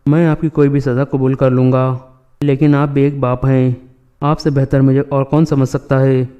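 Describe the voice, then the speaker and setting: Guy reading a sorry loyal warrior, even and dark toned. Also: mid-range voice, clean tone, highs cut off, close to an everyday voice. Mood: remorseful. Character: remorseful loyal male warrior.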